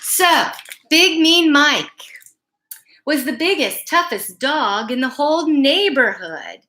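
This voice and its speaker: Reading a children's picture book as a bedtime story, a woman uses a bright, fairly high voice and an unhurried, very expressive delivery. She phrases things deliberately and emphatically, stressing key words and adding asides directly to her young listeners.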